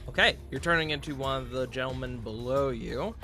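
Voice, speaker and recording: A man running a tabletop game as game master, talking casually with quick asides and laughter. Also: mid-range voice, sharp tone, faint music behind.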